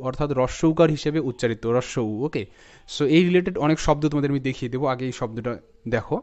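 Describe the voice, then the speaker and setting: A man with a Bengali accent teaching English spelling and pronunciation, explaining patiently, breaking words into parts, repeating them slowly and often checking in with his viewers. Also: a little high, darkish tone, clear, resonant tone, muffled recording. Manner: talks straight to viewers, often checking in with "okay?".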